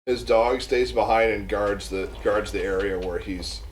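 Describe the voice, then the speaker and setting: Low-voiced game master, off-mic. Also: male voice, fairly even intonation, measured pace, recorded from a distance, a little hiss or hum. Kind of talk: narrating a tabletop game.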